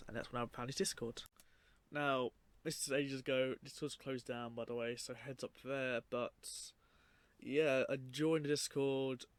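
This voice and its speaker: A man narrating his own story in a casual, unscripted way, rambling informally and often trailing off. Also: medium pitch. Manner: rambling, informal, trailing off with 'like' and 'you know'. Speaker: documentary narrator and video creator.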